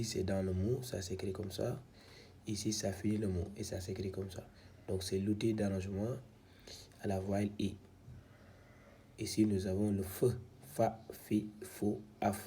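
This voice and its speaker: Low slow guy walking thru letter sounds one by one, patient teacher, bit of faint hiss behind. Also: mellow. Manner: patient, repeats syllables one by one, frequent "donc". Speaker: Quran reading teacher. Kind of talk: slow step-by-step lesson, sounding out syllables.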